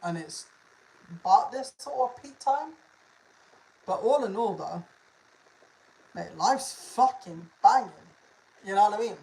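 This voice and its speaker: A content creator talks casually to a livestream audience at a middling pitch. The delivery is informal and full of slang and swearing, with phrases often repeated. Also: expressive, a little slow, creaky, long pauses, warm tone, rough recording.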